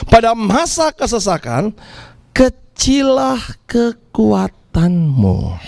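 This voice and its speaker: A male preacher gives an animated sermon. His voice sits very high and swoops widely, with a gravelly edge. The sound is dry and close. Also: no room sound. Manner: animated, acts out characters with shouts and laughs. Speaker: pastor.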